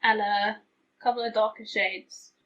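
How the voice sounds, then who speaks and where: A woman's voice: medium pitch, fairly even intonation, measured pace, fairly bright tone. A woman vlogger chatting casually to camera in a rambling, self-deprecating way, with a slightly tinny sound. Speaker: beauty vlogger. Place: hot room at home, window open.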